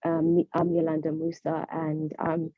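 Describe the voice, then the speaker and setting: This guest self-introduction comes from a woman who works as a personal trainer, a Shona speaker from Zimbabwe. She talks in a low, monotone voice at moderate speed, warm yet hesitant and full of fillers, over dull, dry audio lacking any room sound.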